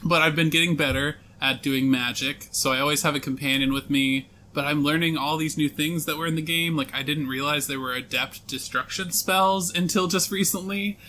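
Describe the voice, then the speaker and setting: Bright, higher-voiced young podcast co-host man. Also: fairly even intonation, a little hiss or hum. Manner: jokey, teasing, quick banter. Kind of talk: casual podcast chat.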